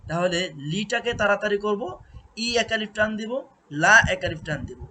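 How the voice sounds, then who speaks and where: A man teaching Quran recitation, drilling syllables with long drawn-out chanting and patiently correcting pronunciation. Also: high voice, sharp tone. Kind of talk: slow recitation lesson. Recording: faint background noise and clicks.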